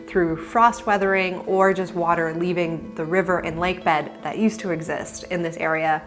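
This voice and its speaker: A woman's voice: lowish voice, fairly even intonation, normal speed, faint music behind. A woman co-hosting a hiking vlog, talking casually and eagerly explaining what she sees. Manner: chatty and curious, explains things eagerly. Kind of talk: casual travel narration.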